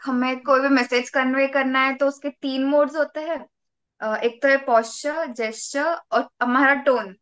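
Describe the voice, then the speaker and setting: A woman participant answering in an online class over a video call, explaining slowly with hesitant fillers. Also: high voice, steady tone, fairly bright tone.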